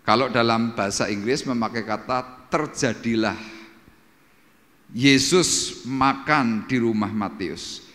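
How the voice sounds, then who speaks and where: Javanese-accented pastor preaching in a reverberant hall. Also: male voice, medium pitch, slow pace, long pauses. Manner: lively storytelling, acts out quoted voices loudly. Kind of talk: sermon. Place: church service.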